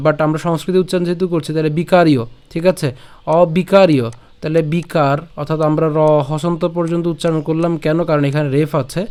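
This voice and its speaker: A man's voice: a little high, clear, resonant tone. Patient man drilling recitation syllable by syllable. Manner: slow, patient syllable-by-syllable drilling with frequent "ঠিক আছে?". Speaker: Sanskrit recitation teacher. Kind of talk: online recitation lesson.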